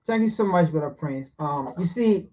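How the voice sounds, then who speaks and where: A man speaking as a panelist in a measured way, building his point as a list. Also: fairly high pitch, expressive, a little mellow.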